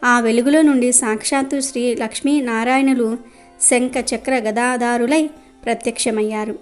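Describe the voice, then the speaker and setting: Woman telling a devotional story, steady and gentle, kinda high voice, soft music. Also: normal speed.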